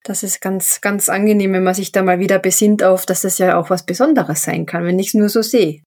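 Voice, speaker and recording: A woman talks through mindfulness on a podcast in a calm, reflective way. Her phrases stretch out gently and often close with a soft "ja". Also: mid-range voice. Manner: calm, reflective, drawn-out phrasing with many "ja" fillers. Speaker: podcast co-host. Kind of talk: casual podcast conversation on mindfulness.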